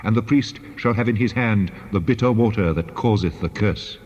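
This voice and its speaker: A solemn, commanding God played by a man pronounces law in a low, husky voice. The delivery is measured and authoritative, in the manner of dramatized scripture, and it rings out in a long hall reverb. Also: a little mellow, close to an everyday voice. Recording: long hall reverb, dull band-limited sound.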